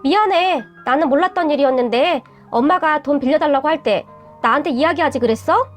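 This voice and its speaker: A woman's voice: sits high, brisk, faint music behind, close to an everyday voice. A woman voicing a blunt, defensive young adult boyfriend who talks curtly and dismissively. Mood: annoyed. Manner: curt, irritable, dismissive.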